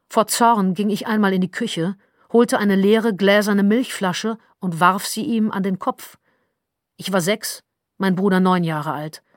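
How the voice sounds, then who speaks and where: A woman narrating an audiobook in a measured, wry storytelling manner, close to the mic. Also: lowish voice, no echo. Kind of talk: scripted narration.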